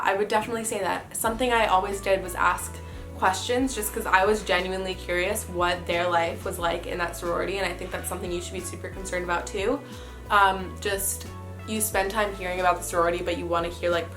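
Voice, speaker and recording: Chatty young woman, lowish voice, music behind. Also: sharp tone. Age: young adult. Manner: chatty, informal, frequent "super" and "like". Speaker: sorority member giving recruitment advice. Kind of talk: casual advice vlog, reading messages and commenting.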